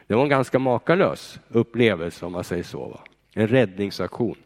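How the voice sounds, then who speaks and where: A man's voice: lowish voice, lively intonation. A man giving a personal faith testimony to an audience, storytelling and tagging his sentences with little questions. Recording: long reverb of a large hall.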